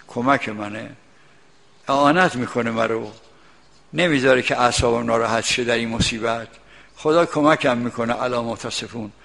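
A man's voice: mid-range voice, vocal fry, a bit bright, big-room sound. An older man giving a religious commentary, reciting verses and explaining each one in plain everyday speech. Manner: recites Arabic verses, then explains them in colloquial Persian. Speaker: Quran commentator.

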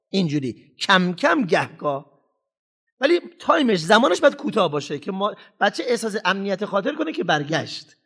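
A man with a high voice delivers a parenting lecture. His pitch swings widely as he makes his points emphatically and acts out parents and children. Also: fairly bright tone. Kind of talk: lively lecture to an audience.

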